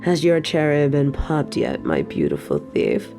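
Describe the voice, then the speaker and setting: In an intimate audio roleplay, a woman plays an evil, possessive queen, her deep, breathy voice formal, regal and slowly seductive, often dropping toward a whisper. She sounds teasing and curious, with a sing-song, heavily acted delivery. Music plays in the background.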